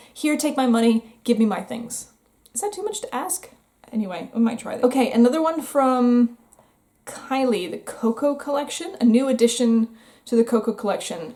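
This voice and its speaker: A woman's voice: mid-range voice, darkish tone. Young american woman rambling about new makeup, candid and kinda wry. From United States. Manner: chatty, candid, wry asides. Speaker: beauty vlogger. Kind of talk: casual makeup review chat.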